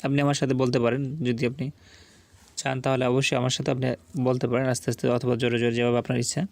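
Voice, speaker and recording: A man's voice: mid-range voice, little pitch movement, racing, darkish tone, no room sound. A man teaching beginners to read the Quran, spelling out Arabic syllables and patiently repeating each one twice.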